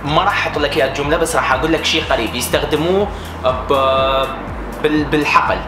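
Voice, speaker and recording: A man's voice: fairly high pitch, fast talker. A man with an Iraqi Arabic accent chatting casually as he runs a word-guessing challenge. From Iraq. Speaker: quizzer in a dialect challenge. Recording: echoey room, music behind.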